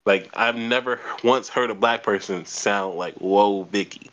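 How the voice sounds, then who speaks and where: A man's voice: lowish voice, unhurried, a bit bright, lo-fi sound. A young man hosting a podcast, chatting casually and bluntly, swearing and repeating words as he thinks. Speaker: podcast host. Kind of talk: casual chat.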